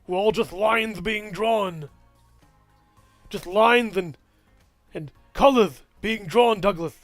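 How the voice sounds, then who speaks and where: A pompous middle-aged cartoon neighbor, rambling in grand declarations, as a man puts him on. The tone is lifted and a touch louder, recorded dry and close. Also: high-pitched, takes it slowly, no echo, faint music behind. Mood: grandiose. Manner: grand, rambling, repeating a name. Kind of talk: cartoon voice impression.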